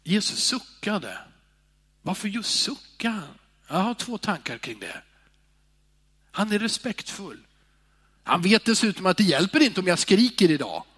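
A male preacher giving a sermon, moving between loud calls and hushed, sighing near-whispers. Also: sits high, big pitch swings, pauses often, slightly rough, long reverb tail.

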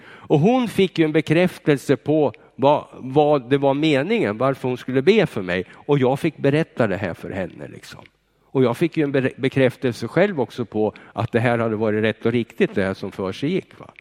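A man's voice: medium pitch, animated, darkish tone. A man giving a personal faith testimony to an audience, storytelling and tagging his sentences with little questions. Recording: long reverb of a large hall.

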